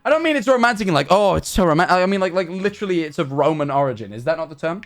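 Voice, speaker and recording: A young man streaming live, chatting in a rambling, animated, self-mocking way. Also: a little high, racing, soft background music. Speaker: livestreamer. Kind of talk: casual stream chat.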